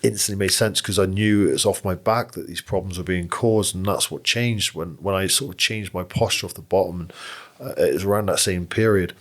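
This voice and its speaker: A man in his forties talks in a very low, deep voice. He gives frank, blunt coaching advice in a casual podcast chat and swears freely. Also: fairly even intonation, brisk, fairly bright tone. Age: 40s. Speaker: jiu-jitsu coach.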